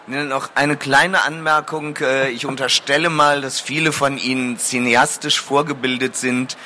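A man's voice: mid-range voice, steady tone, moderate pace, pushed and bright, a little hiss or hum. A man reading a fantasy novel aloud to an audience, addressing listeners formally between passages.

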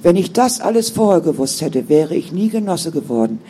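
A man's voice: a little high, very animated, a little fast, mellow, a little hiss or hum. A man voicing a firm, caring older sister who speaks in an earnest, sometimes stern way. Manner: stern then soothing, earnest.

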